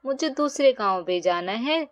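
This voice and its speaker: A woman voicing a kindly grown man who gives children horse rides, talking gently and instructively. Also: on the high side, lively intonation, moderate pace, close to an everyday voice. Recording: dull lo-fi recording.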